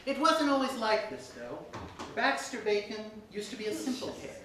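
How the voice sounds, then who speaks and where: In a sing-song, mid-range voice at moderate speed, a performer narrates comic fairytales from a script before a live audience. The delivery is theatrical, with frequent laughter and asides, captured from afar in an echoey, noisy room.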